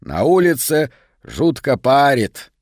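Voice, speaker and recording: An easygoing book dealer , as a male audiobook reader voices him, speaks in a plain, slow and familiar way. His voice stays near the narrator's own. The sound is dry and close. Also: mid-range voice, big pitch swings, no echo. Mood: casual. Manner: familiar, matter-of-fact.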